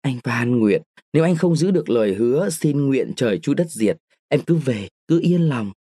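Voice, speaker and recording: A man's voice: mid-range voice, expressive, moderate pace, mellow, slightly rough, dry recording, clean studio sound, pitched above the performer's own voice. A man reading a story, voicing an evasive young man who coaxes and soothes his lover. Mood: coaxing. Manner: soothing, coaxing.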